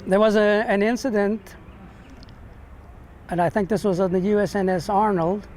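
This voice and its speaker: An older American man, a veteran, remembering his service in an interview, speaking haltingly with long hesitations and repeated words. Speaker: navy ship veteran being interviewed. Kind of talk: reminiscing in an interview. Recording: noisy, with steady background rumble.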